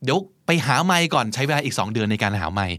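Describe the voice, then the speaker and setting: A man in his thirties hosting a podcast in a relaxed, storytelling way that slips into easy laughter. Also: medium pitch, fast talker, no echo. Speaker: podcast host. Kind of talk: casual podcast chat.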